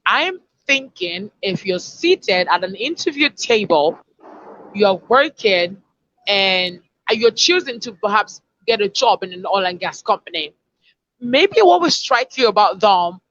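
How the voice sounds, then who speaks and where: A woman's voice: medium pitch, fairly bright tone, muffled recording. A woman, a communication expert explaining and demonstrating word sounds in an online lesson over a video call. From Africa.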